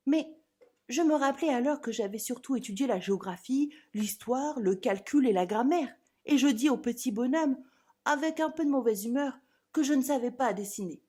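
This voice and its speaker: A woman with a fairly high, husky voice narrates a storybook. Her reading is theatrical and dramatic, leaning hard on phrases like a stage performer. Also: expressive, moderate pace, warm tone.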